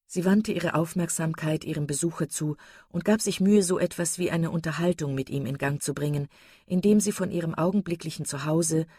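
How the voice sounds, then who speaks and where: A woman narrates a classic novel for an audiobook in a steady, even way. Her voice sits low, with a dark, husky tone. The recording is close and dry. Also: fairly quick, no room sound. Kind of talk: scripted literary narration.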